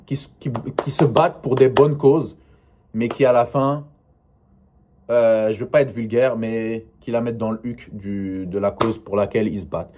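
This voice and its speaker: A man's voice: medium pitch, steady tone, normal speed, darkish tone. Rambling French-speaking male vlogger. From not northern France. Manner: rambling, hesitant with many fillers and restarts. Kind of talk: casual solo vlog monologue.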